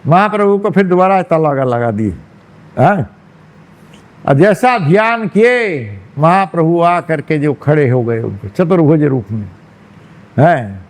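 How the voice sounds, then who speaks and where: A man, a monk, telling a devotional story in a sermon, with lively narration and frequent asides to his listeners. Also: fairly high pitch, unhurried. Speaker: monk preacher. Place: temple hall.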